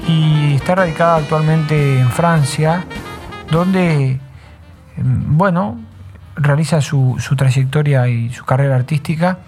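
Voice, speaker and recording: Between songs, a man hosting a radio show muses in a slow, reflective way, frequently tacking a tag question onto the end of his thoughts. His voice is a little high.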